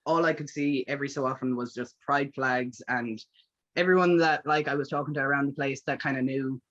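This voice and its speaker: A man's voice: medium pitch, steady tone, a little fast, fairly bright tone. Eager young Irish man on a muffled call. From Ireland, Galway. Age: early 20s. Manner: eager and enthusiastic, lots of "like". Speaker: guest. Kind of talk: casual interview chat.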